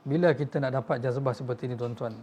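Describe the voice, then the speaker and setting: This Malaysian Malay-accented preacher delivers a sermon full of emotional stories, voicing the figures he quotes and speaking straight to his listeners as tuan-tuan. He talks fast at a medium pitch with a warm tone, and there's a little hiss or hum.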